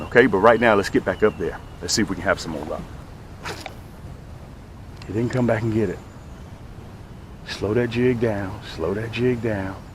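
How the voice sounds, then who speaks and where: A medium-pitched male host chats excitedly on an outdoor fishing vlog, repeating phrases for emphasis while showing and selling tackle. Slight background noise is audible.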